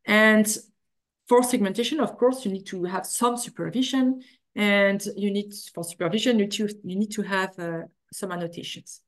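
A middle-aged woman giving an academic keynote over a video call, halting often with fillers and restarts. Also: medium pitch, fairly even intonation. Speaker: keynote speaker. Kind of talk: academic lecture. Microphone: video call webcam.

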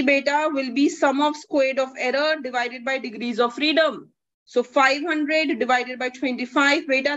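A young woman with a North Indian accent teaching an online lesson, explaining worked problems step by step and often checking understanding. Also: sits high. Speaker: economics teacher. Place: indoors, online class over video call. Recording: dull, compressed video call audio.

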